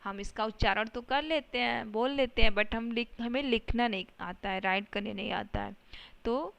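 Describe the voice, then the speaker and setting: A woman's voice: on the high side, moderate pace, vocal fry, a bit bright, smooth. Patient woman teaching young children. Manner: patient, explaining step by step with check-in questions. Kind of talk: children's language lesson.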